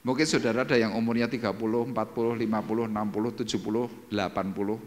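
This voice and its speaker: A male pastor with an Indonesian Central Javanese accent preaches a sermon, swinging from loud, high calls to low, quiet asides and putting questions to the congregation. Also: fairly even intonation, quick pace. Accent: Indonesian, Central Java. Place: church hall. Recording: long reverb of a church hall.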